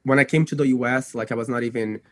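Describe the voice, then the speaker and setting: Speaking quickly in a steady, medium-pitched voice with a fairly bright tone, a young dog trainer from Brazil recounts his life as a podcast guest. Portuguese is his native language, and he rambles, corrects himself often, and leans on "you know" and "like."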